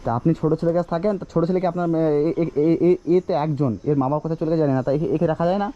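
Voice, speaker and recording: A man's voice: a little high, steady tone, very fast, warm tone, highs cut off. A man filming outdoors as a social worker vlogger, pressing with repeated questions. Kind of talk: confrontational street interview.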